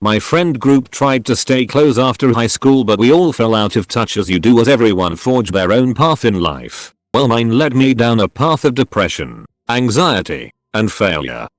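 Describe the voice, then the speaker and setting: A man reading out short first-person stories as scripted narration, with an animated storytelling delivery. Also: medium pitch, moderate pace, few pauses, no echo.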